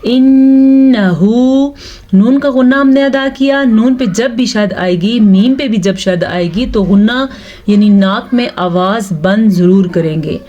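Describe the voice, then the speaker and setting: A woman tajweed teacher who spells out each letter and vowel mark syllable by syllable and talks at a slow, unhurried pace. Between her explanations she chants the verses in a drawn-out way. The recording sounds dull and lo-fi. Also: medium pitch, darkish tone. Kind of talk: step-by-step recitation lesson.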